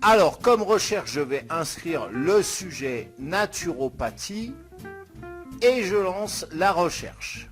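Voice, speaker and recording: A man narrates a screen-recorded tutorial with a somewhat high voice. He speaks straight to the viewer and explains each click one step at a time. Light guitar music plays quietly underneath. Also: very animated, slow. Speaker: YouTube tutorial host. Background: soft guitar music.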